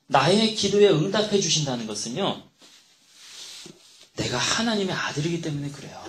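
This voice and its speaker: A male pastor delivers a lively sermon, swinging his pitch widely as he acts out a father and son's dialogue. His voice sits a little high for a man. The sound carries the echo of a church hall with a faint hiss behind. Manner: acts out dialogue voices while telling a story. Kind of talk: sermon with acted-out story.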